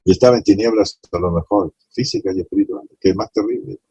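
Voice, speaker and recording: Deep, husky-voiced preacher. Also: male voice, fast, warm tone, no echo, muffled recording. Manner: impassioned, acts out the blind man's pleas. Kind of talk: sermon. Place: small congregation.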